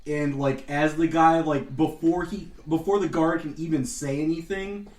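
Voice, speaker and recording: A man's voice: fairly high pitch, fairly even intonation, normal speed, a little mellow, distant mic. A man chatting casually as a player in a tabletop role-playing game. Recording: echoey room.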